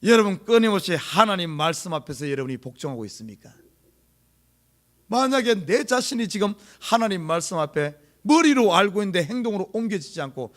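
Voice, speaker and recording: A man's voice: high-pitched, fairly bright tone. A middle-aged male pastor with a Gyeongsang accent preaching an early-morning sermon, repeating key words for stress and putting rhetorical questions to the congregation. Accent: Gyeongsang Korean. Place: church sanctuary.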